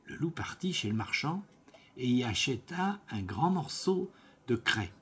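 A man reading a fairy tale aloud, slow and expressive, with small slips and self-corrections. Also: mid-range voice, a little hiss or hum. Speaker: storyteller.

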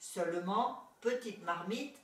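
A woman voicing a kind old fairy who speaks slowly and deliberately. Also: medium pitch, natural voice. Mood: kindly. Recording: roomy echo, distant mic.

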